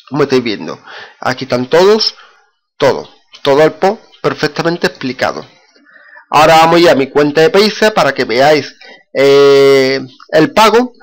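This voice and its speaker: A man with a Spanish accent casually talking through his screen recording, with many fillers and restarts. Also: fairly high pitch. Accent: Spain. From Spain. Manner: repetitive, frequent fillers and restarts. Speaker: screencast vlogger.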